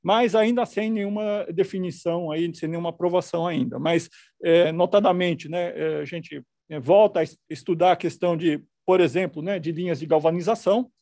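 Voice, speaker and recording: A man's voice: sits high, moderate pace, a little mellow, no echo, studio quality. A man, a company executive, answering analysts on an earnings call with many fillers and restarts.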